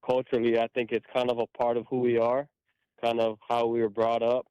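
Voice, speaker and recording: A man's voice: mid-range voice, a little fast, clean tone, dry recording. Easygoing man on a dull phone line. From Hawaii. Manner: relaxed, easygoing, a little hesitant. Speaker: football player guest. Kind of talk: phone interview.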